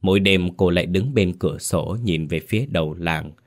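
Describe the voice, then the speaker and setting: A man tells a ghost story in a grave, dramatic manner. His voice sits very low and deep throughout the narration. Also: normal speed.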